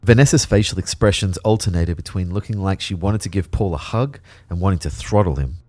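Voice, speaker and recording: Brisk and low-voiced with a darkish tone, an actor plays an anxious everyman narrating a sci-fi audio drama in first person from a script. He keeps it wry, uneasy, and understated, and the recording is dry.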